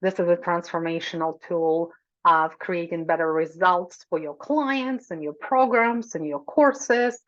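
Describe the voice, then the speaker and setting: Earnest woman host, slightly low voice, dull sound. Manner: earnest and effusive, repeats phrases, digresses. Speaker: membership host and coach. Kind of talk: heartfelt direct-to-camera talk.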